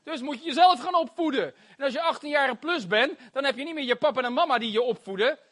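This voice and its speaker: A man preaching a sermon, animated and exclamatory, with frequent hallelujahs and amens and laughter between phrases. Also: extremely high pitch, quick pace.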